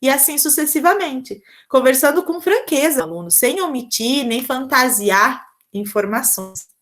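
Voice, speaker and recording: A Brazilian woman with a slightly high voice teaches a recorded lecture over slides. She explains step by step in a patient, didactic way and keeps checking in with her listeners through short tag questions. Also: expressive, measured pace, a bit bright. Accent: Brazilian Portuguese. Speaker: teacher giving a lesson on early literacy.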